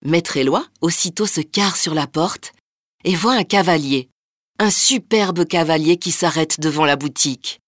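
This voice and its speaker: Woman telling a folk tale, low and dry. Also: unhurried, no echo. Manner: lively, rhythmic storytelling. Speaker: storyteller.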